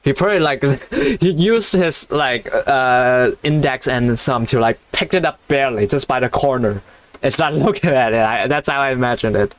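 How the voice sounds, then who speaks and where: A man reads a novel aloud in a loose, halting way, tripping over harder words. He stops often to comment in a crude, offhand tone and swears without much thought. His pitch sits in the middle range for a man. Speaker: channel host reading a novel aloud. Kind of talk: casual read-along with commentary.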